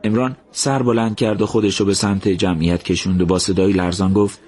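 A man narrating a story in a slow, measured, somber reading. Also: sits low, flat delivery, darkish tone, breathy edge.

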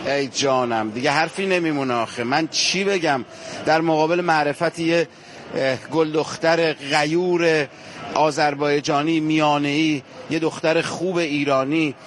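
Fervent male reporter, slightly high voice. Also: a little hiss or hum. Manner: fervent, emphatic, addresses viewers directly. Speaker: on-location reporter. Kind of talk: street interview on a pilgrimage walk.

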